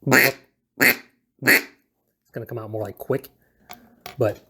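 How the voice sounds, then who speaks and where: A man's voice: mid-range voice, fairly even intonation, slow, gravelly, sharp tone, slight background noise. A man giving a casual, unscripted how-to in a hesitant, self-deprecating, laid-back way, rambling as he goes. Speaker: video presenter giving a hobby how-to. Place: indoors at home.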